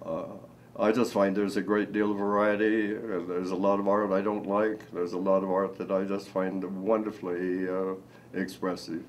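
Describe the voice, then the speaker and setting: Older man, lowish voice, slow halting delivery with lots of ums, indoor interview, faint low rumble behind. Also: dull audio. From Nebraska. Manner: slow, halting, with many fillers. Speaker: artist. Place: indoor room.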